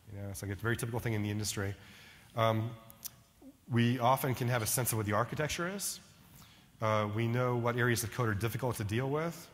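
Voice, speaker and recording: In a large hall, a middle-aged man gives a casual, conversational conference keynote in a ballroom, sprinkling in "like" and repeatedly asking "right?" His voice is medium in pitch.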